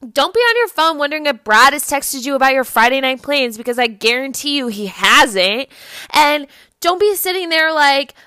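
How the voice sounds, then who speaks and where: A woman's voice: sits high, big pitch swings, moderate pace, bright, forceful tone, no room sound, clean studio sound. A young woman hosting a podcast, giving motivational tips in a casual, chatty way, often saying "like". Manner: chatty, fills talk with "like". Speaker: podcast host.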